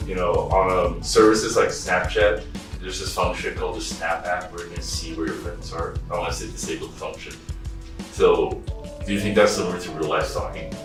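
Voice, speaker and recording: A man interviewing someone, asking relaxed, slightly hesitant questions. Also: sits low, normal speed. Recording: echoey room from far off, music behind.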